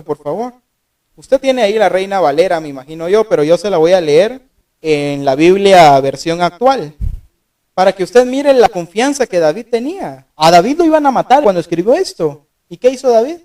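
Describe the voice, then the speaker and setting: A man's voice: high-pitched, animated, moderate pace, a little mellow, far from the mic. A man preaching a sermon who keeps asking his congregation rhetorical questions and acts out the scripture he quotes. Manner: acts out biblical quotes with raised voice.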